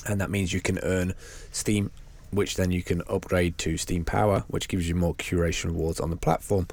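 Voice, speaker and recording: A man co-hosting a podcast, chatting in a relaxed way and laughing easily. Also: low-pitched, moderate pace. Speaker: podcast co-host. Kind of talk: casual chat.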